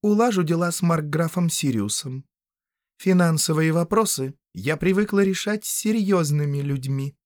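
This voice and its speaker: A man's voice: fairly high pitch, expressive, normal speed, a little mellow, no echo, clean studio sound, voice pushed up, natural voice. A man voicing a proud sorceress who speaks coldly and curtly in a raised voice. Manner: cold, clipped. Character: cold proud sorceress, woman.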